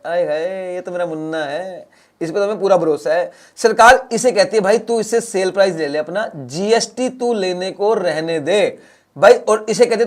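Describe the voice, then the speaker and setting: A man teaching a class, lecturing in a lively way, repeating words and acting out small scenes to explain. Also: high voice. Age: adult, has a son. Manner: animated, repeats words, acts out little scenes.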